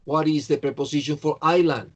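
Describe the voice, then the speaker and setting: A man's voice: a little high, steady tone, brisk. A man teaching an English class, going through answers and correcting students by name in a patient way. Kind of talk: online class, checking answers.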